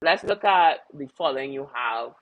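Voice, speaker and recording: A man interviewing a guest, asking questions and explaining points in a measured way. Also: medium pitch, animated, dry recording, dull audio. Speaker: interviewer, content strategist.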